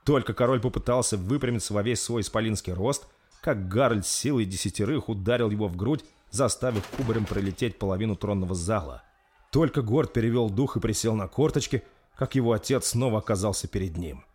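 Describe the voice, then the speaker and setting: Low, husky male narrator. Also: brisk, a little mellow. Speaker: audiobook narrator. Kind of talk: scripted narration of a dark fantasy story.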